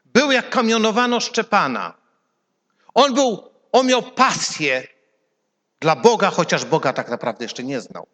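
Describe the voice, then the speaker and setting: A middle-aged man preaching a sermon, swinging from loud emphatic lines to hushed ones. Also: high voice, very animated, a little slow. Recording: long hall reverb.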